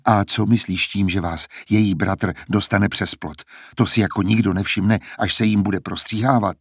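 A man's voice: fairly low pitch, steady tone, husky, dry recording, clean studio sound. A man voicing a cautious young man who keeps questioning a risky plan, in a storybook reading. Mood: worried. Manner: skeptical, questioning.

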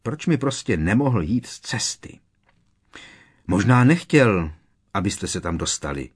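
A man's voice: fairly low pitch, sing-song, husky. A man reading aloud, voicing a worried teenage boy wizard who speaks urgently and with emphasis.

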